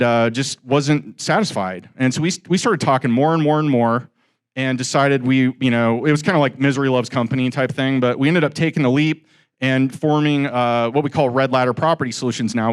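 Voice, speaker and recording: This forties-aged man has a smooth, medium-pitched voice. Speaking as a guest at an investor meetup, he gives a casual talk to a roomful of people, keeping it chatty and full of jokes while ribbing the audience on the side.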